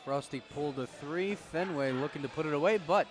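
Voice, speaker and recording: A man's voice: on the high side, loud music behind the voice. A man giving live play-by-play for an axe-throwing tournament, trading jokes between throws. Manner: joking, quick banter between calls. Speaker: play-by-play commentator. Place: on a platform at the event venue.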